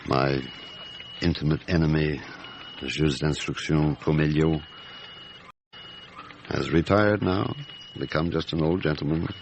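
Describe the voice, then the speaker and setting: An actor playing a veteran police chief inspector in a radio drama, reflective, wry and understated. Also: male voice, very deep voice, vocal fry, background noise, full character voice. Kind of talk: radio drama acting with inner monologue.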